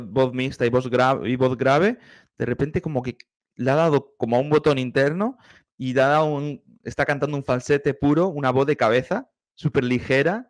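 A man's voice: medium pitch, dry recording, clean studio sound. A man, a choir director giving enthusiastic, explanatory commentary while reacting to a singer. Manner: explanatory, enthusiastic, hums vocal demonstrations.

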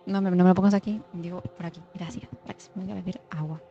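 This young woman's voice is fairly low, fast and fairly even in intonation as she streams a game, chatting casually and muttering to herself. Every so often she drops to a playful ASMR hush. The sound is slightly dull, with faint music.

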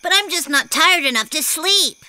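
A mischievous young dormouse in a children's cartoon. The childish voice is extremely high and swoops about excitably. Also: female voice, normal speed, slight background noise, heavily acted, low-quality recording. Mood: sheepish, drowsy.

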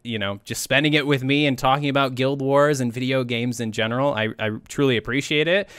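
A man's voice: medium pitch, a bit bright, clear, resonant tone, dry recording, studio quality. A man hosting a gaming podcast, giving a friendly, loosely worded wrap-up and thanking his guests. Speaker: podcast host. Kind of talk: casual podcast outro.

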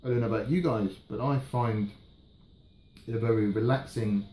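Mellow, rambling British man in echoey room. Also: mid-range voice. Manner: relaxed, halting, trailing off. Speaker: pipe tobacco reviewer. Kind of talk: casual rambling review chat. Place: indoors, small room at home. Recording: roomy echo, faint background noise.

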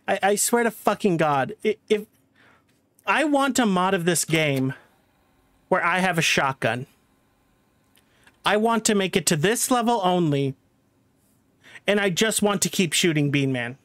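Fed up guy streaming a game, keeps swearing and tripping over his words, kinda high voice. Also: lively intonation, unhurried, long pauses, fairly bright tone, no echo. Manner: swears constantly, stammers and restarts. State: frustrated and angry. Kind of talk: live game stream commentary.

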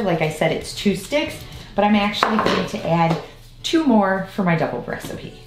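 A woman in her thirties from Iowa chatting through a home baking tutorial in her kitchen, rambling into asides as she works, filmed by a camera set across the room. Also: lowish voice. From Iowa, United States. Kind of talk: casual baking tutorial chat. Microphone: far camera on a tripod. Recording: roomy kitchen with faint music.

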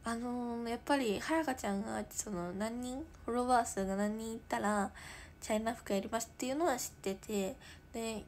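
Chatty teen girl with gravelly fry. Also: a little high, brisk, a little hiss or hum. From Japan. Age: teens. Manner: chatty, drifts into soft whispers between comments. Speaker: idol livestreamer. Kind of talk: casual livestream chat reading viewer comments.

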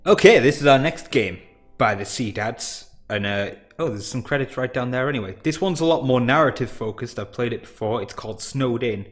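A man rambles through a casual let's-play of indie games at a mid pitch. He is chatty and quick to poke fun at himself. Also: expressive, soft background music. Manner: chatty, rambling, self-deprecating. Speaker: game showcase host.

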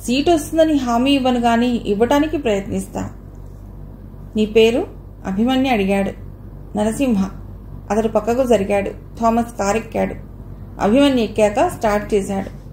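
A woman's voice: on the high side, moderate pace, pauses often, mellow, reverberant, a little hiss or hum. A woman reading a novel aloud as an audiobook narrator, with light changes of voice for each character's dialogue.

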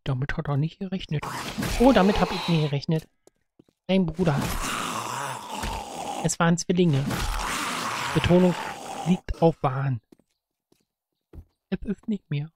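A woman's voice: deep voice, a little slow, pauses often, noisy background. A woman giving chatty let's-play commentary, giggling, teasing the enemies and slipping into sing-song rhymes. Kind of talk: casual gameplay commentary.

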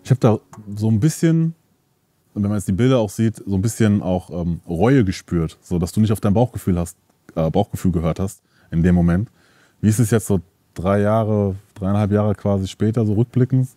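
Casting: male host, very deep mellow voice, relaxed rambling questions, dry studio sound. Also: a little fast, no echo. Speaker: interview host. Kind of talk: casual interview questions. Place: dark studio set, seated on leather couch.

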